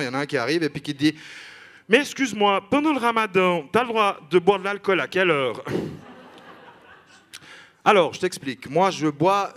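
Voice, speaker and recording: Man, stand-up comic, fairly high voice, chatty, self-mocking, live stage. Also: fairly bright tone. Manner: chatty, self-mocking, quick asides to the audience. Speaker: stand-up comedian. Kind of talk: stand-up routine. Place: stage before a live audience.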